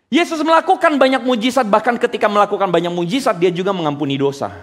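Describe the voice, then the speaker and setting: A man preaching a sermon in an animated way, full of rhetorical questions and casual slang, in a church hall. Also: high-pitched, fast talker. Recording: long hall reverb.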